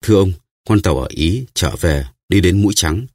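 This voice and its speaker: A man's voice: low-pitched, expressive, normal speed, a little mellow, no room sound, clean studio sound. A man voicing an old sunburnt sailor who reports in a plain, earnest way in an audiobook.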